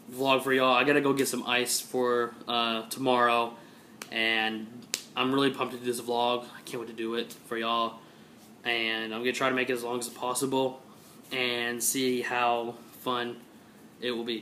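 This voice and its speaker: A man's voice: medium pitch, bright, forceful tone, slight background noise. A man, from Georgia, chatting casually and rambling upbeat into a handheld camera for his vlog. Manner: rambling, upbeat, repeats himself. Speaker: vlogger.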